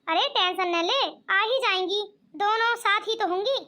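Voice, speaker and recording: A woman's voice: extremely high pitch, normal speed, pushed and bright. A woman voicing a bossy elderly mother-in-law in a cartoon comedy, scolding one moment and soothing the next.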